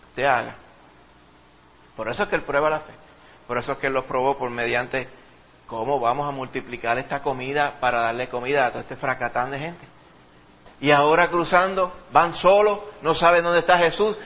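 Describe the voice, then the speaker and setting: A man preaching a lively sermon, calling his listeners brother. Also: a little high, muffled recording. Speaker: pastor.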